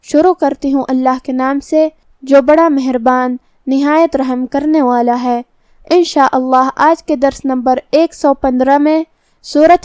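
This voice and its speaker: A woman teaching Quran recitation, explaining each letter's pronunciation slowly and precisely. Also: high-pitched, a little mellow, no room sound. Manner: slow, careful, precise articulation. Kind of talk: tajweed lesson, explaining letter by letter.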